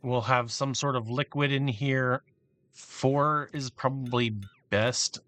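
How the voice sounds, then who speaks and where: A man giving casual, halting commentary while he plans a build in a game, thinking aloud with many restarts. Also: mid-range voice, steady tone, fairly bright tone. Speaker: gameplay commentator.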